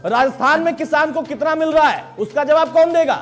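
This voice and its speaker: A man's voice: very high-pitched, brisk, a bit bright, soft background music. A man anchoring a TV news debate, cutting in and repeating guests' names to restore order. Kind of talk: moderating a heated debate.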